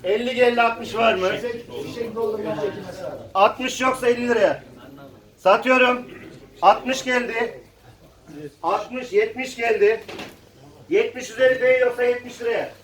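A man's voice: very high voice, a little slow, long pauses, a bit bright. A man working as a live auctioneer, calling out bids in repetitive, chanted phrases. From Turkey, Konya region. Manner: repetitive chanted bid calls. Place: echoey auction room with audience. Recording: echoey hall, distant mic, crowd chatter.

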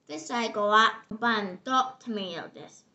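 A woman's voice: medium pitch, unhurried, bright, forceful tone, dull audio. A young girl casually reviewing candy at a home table, chatty and giggly, now and then slipping into English phrases. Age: child.

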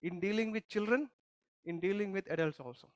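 A man's voice: sits high, fairly quick, no echo. A male pastor giving a conversational sermon, teaching by putting questions to the congregation and often restarting his sentences. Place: church service.

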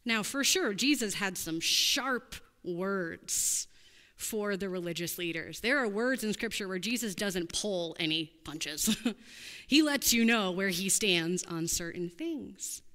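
A woman's voice: medium pitch, lively intonation, takes it slowly, fairly bright tone, long reverb tail. A woman pastor giving a sermon in an earnest, conversational preaching manner, addressing listeners as friends.

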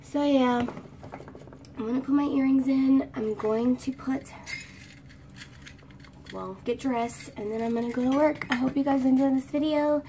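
While fixing her hair for a get-ready-with-me vlog, a young woman in her twenties rambles and sings pieces of songs in a high, girlish, mellow voice. Her intonation is fairly even and her pace a little slow, with long pauses. A phone camera at arm's length in a small room gives a distant sound, faint room ambience, and slight background noise.

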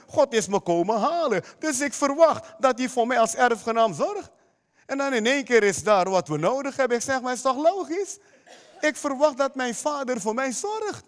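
High-voiced emphatic male preacher. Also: big-room sound. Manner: emphatic preaching, direct questions to the congregation. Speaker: pastor. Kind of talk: sermon. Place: church hall.

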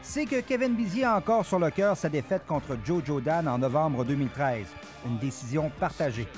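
A man, reporting a sports news story in a measured, crisp delivery. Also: a little high, expressive, a little mellow. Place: sports bar press event. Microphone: handheld mic. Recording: music bed behind.

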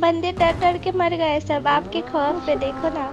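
A woman's voice: extremely high pitch, steady tone, measured pace, lo-fi sound, over loud music. A young woman teaming up in a mobile shooter game, chatting casually with teasing, mock-grumbling remarks. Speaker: gaming partner. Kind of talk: casual gaming chat. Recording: noisy background.

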